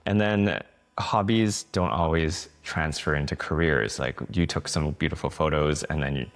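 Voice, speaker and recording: Deep-voiced guy hosting a podcast, gravelly, laughs a lot between rambly questions. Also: normal speed. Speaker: podcast host. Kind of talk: casual interview hosting.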